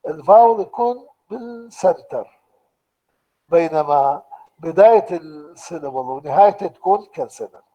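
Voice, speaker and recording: A man with an Iraqi Arabic accent giving a university lecture online, explaining slowly and deliberately and restating each point in two languages. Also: fairly high pitch, lively intonation, dark tone, rough recording.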